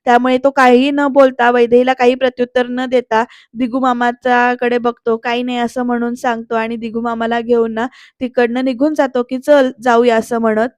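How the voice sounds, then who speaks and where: A woman's voice: fairly high pitch, level tone, fairly quick, smooth, no echo. A woman narrating a voice-over recap of a TV serial episode in a chatty way, often turning to address the viewers.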